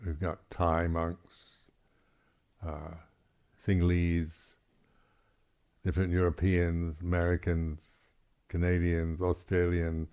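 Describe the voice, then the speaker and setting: Speaking at a meditation retreat, this Buddhist monk teacher offers a reflective talk without a script, pausing haltingly and clearing his throat frequently. His low-pitched voice is a little mellow.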